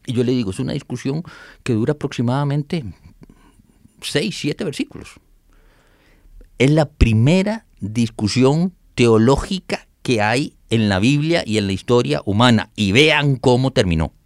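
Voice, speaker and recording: A man, explaining and reading Bible verses in an animated, conversational way. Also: medium pitch, measured pace, dry recording, clean studio sound. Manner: animated explainer, reads scripture aloud, laughs often. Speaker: Bible teacher guest.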